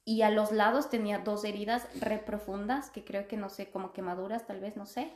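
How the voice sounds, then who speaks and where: A woman's voice: mid-range voice, fairly even intonation, fairly quick, a little mellow. A young woman, a podcast guest, telling a personal story in casual, chatty conversation and laughing often. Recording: echoey room.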